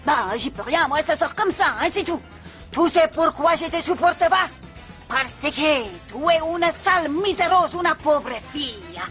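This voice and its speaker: An actress voicing an excitable young woman who pleads theatrically and plays a haughty rich lady in a game of pretend. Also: sits high, measured pace, faint music behind. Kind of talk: dubbed telenovela acting.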